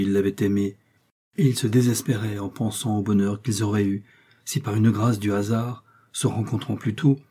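Male audiobook reader, measured and expressive, low dark voice. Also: slightly rough. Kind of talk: literary narration.

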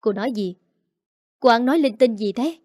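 A woman's voice: fairly high pitch, moderate pace, a little mellow, no echo, clean studio sound, lightly acted. A woman voicing a hot-tempered young husband who is devoted to his mother and talks in a cold, stern, threatening way.

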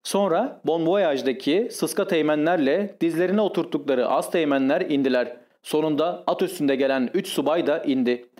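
A man narrating a classic short story as an audiobook, calm and measured. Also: fairly high pitch. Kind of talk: scripted narration.

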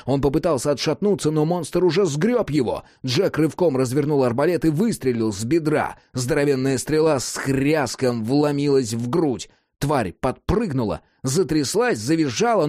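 Male audiobook narrator with a lively, dramatic delivery and a dry, close sound. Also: a little high, no echo. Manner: animated, dramatic reading.

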